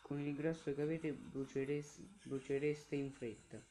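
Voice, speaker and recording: A man reading a horror story aloud as a student reader, slow and careful. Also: on the high side, flat delivery, warm tone, a little hiss or hum, low-quality recording.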